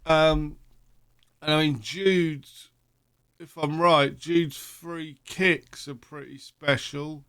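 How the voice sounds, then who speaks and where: A man's voice: fairly high pitch, fairly even intonation, slow, a bit bright, smooth, no echo, clean studio sound. A sleepy man casually commentating his football management game, rambling and thinking aloud with lots of fillers. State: sleepy, yawning. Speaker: gaming channel host. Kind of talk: casual let's-play commentary.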